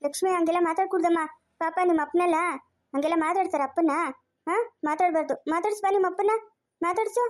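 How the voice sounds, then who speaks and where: A woman voicing an older village aunt who gently consoles and chides in a cartoon story. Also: extremely high pitch, fast talker. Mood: coaxing. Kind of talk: cartoon voice acting.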